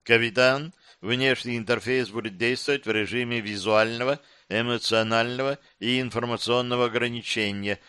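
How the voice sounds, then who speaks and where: A man's voice: medium pitch, steady tone, moderate pace, few pauses, bright, forceful tone, clean tone, dry recording, lightly acted. A man reading aloud and voicing a female ship AI hologram who talks in a metallic, toneless voice while computer processing. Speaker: audiobook narrator. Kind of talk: reading a sci-fi novel aloud.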